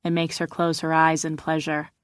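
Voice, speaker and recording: A woman reading an audiobook in a measured, expressive narration style. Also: low voice, no room sound, clean studio sound. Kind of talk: scripted narration.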